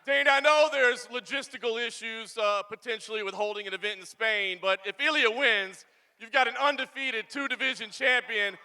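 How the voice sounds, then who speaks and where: A man asks questions as a press conference reporter. His voice is extremely high for a man and very bright and forceful. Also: moderate pace, clear, resonant tone.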